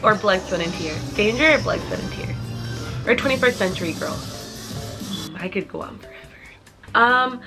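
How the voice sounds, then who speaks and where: A woman in her twenties vlogs to her camera, answering viewer questions in a chatty, rambling way packed with "like" fillers. Her voice sits on the low side and sounds pushed and bright.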